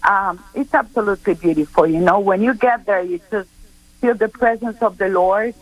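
A woman's voice: mid-range voice, normal speed, no echo, poor audio. Earnest middle-aged woman from Costa Rica. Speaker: guest speaker. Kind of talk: radio interview chat.

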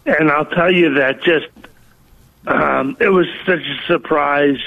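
Speaking slowly in a slightly high, gravelly voice, a man calls in to a radio show over a tinny phone line. His call-in testimony recounts a personal story, with many hesitations and ums along the way.

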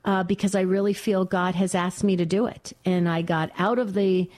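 A woman's voice: on the low side, fairly even intonation, normal speed. Chatty older woman radio host. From New Jersey. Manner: chatty, warm-hearted, many restarts. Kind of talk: talk radio monologue.

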